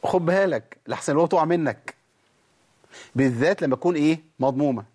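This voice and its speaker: A man with an Egyptian accent teaching Quran recitation rules, quizzing his listeners with rhetorical questions and demonstrating words slowly. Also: fairly high pitch, darkish tone, slightly rough. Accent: Egyptian Arabic. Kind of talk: recorded tajweed lesson.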